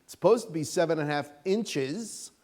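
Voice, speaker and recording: A middle-aged man teaching a church Sunday school class in a casual, animated, folksy way, with a sarcastic edge and lots of fillers. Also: on the high side, moderate pace.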